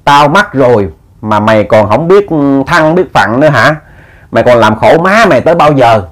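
A man's voice: medium pitch, expressive, normal speed, fairly bright tone, natural voice. A man voicing the ghost of a stern old father who scolds his son. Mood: scolding.

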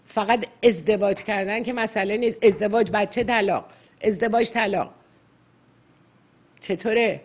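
A woman's voice: mid-range voice, pauses often, lo-fi sound. A woman psychologist giving earnest, lecturing advice to callers on a radio call-in show, slipping English words into her talk.

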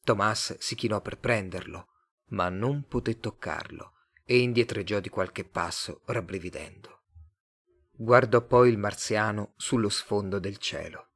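A man from Italy reading a short story aloud as an audiobook narrator, measured and expressive. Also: fairly low pitch. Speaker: audiobook reader. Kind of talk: scripted literary narration.

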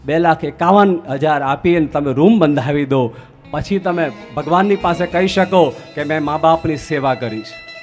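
Young Gujarati male preacher, high voice, rhetorical questioning, faint music behind. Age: young adult. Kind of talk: sermon.

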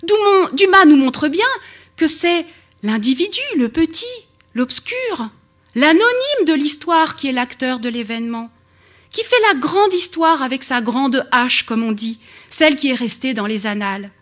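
A woman with a French accent giving a public lecture on literature, expressive and emphatic. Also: high-pitched, a little slow.

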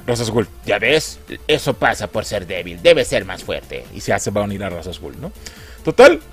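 A Mexican man mocking a film in a comic review, exasperated and crude. His voice sits somewhat high and swings widely in pitch. Faint music plays in the background. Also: a bit bright. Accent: Mexican Spanish.

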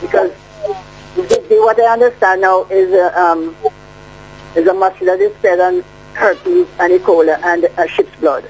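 A woman caller on a muffled phone line that sounds underwater, asking halting questions and repeating words as she presses her point. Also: mid-range voice, expressive, a little mellow, soft background music. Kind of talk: call-in radio question.

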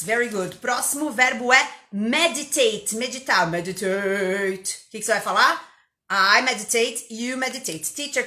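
A woman English teacher with an interior São Paulo accent, giving an energetic live online lesson and drilling words over and over. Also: high-pitched, reverberant. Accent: interior São Paulo Portuguese.

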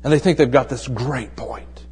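A man preaching a conversational sermon who asks rhetorical questions and drops into a hushed voice to make his points. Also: medium pitch, normal speed, husky, long reverb tail. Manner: tells jokes in a relaxed storytelling way. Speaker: pastor.

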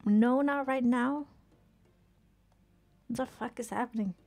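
A woman streaming a video game, chatting casually, swearing often and reacting with quick exclamations. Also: on the high side, a little mellow. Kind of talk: casual live-stream commentary while playing.

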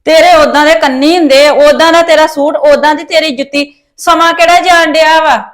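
High-voiced scolding mother, Punjabi accent. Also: steady tone, brisk. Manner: scolding, nagging. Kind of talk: rural family drama acting.

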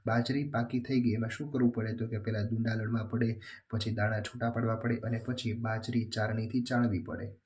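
A man going through a children's workbook as a teacher, reading questions and their answers aloud in a steady, plain way. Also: lowish voice, brisk.

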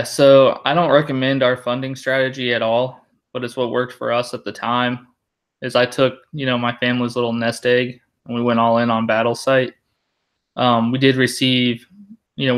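A man in his thirties talks as a founder on a video panel, plainspoken and frank. His pitch stays level and flat, and "you know" keeps cropping up in his delivery. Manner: candid, plainspoken, says "you know" often. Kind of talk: panel discussion answers. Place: indoors in a living room. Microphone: webcam on a video call.

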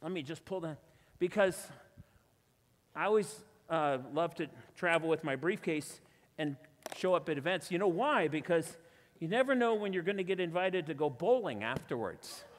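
A man's voice: a little high, expressive, moderate pace, in a large hall, a little hiss or hum. A man performing stage illusions with a volunteer before a live church audience, chatty and self-deprecating with playful asides. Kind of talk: live magic show patter with audience volunteer.

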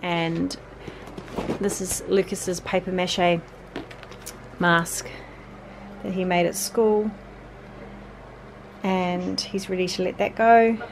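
This forties-aged mother vlogs while tidying her bedroom, chatting with her sons and leaning on lots of fillers. Her fairly low, creaky voice barely moves in pitch, coming slowly with long pauses against a noisy background.

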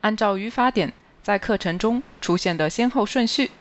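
A language teacher reading a scripted grammar review slowly and carefully, pausing on each listed word. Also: medium pitch, lo-fi sound. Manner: slow, even, careful reading of word lists. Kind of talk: scripted grammar lesson narration.

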